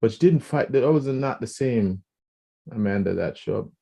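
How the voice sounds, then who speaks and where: A man co-hosting a podcast, talking in a casual, animated way, often restarting and repeating words and acting out quoted speech. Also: medium pitch, normal speed, gravelly, breathy edge. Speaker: podcast co-host.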